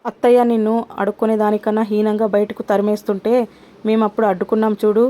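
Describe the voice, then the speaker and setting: A woman narrator voicing a sharp-tongued young housewife who scolds with sarcasm. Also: medium pitch, level tone, quick pace, lightly acted. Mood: sarcastic. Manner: sarcastic, cutting.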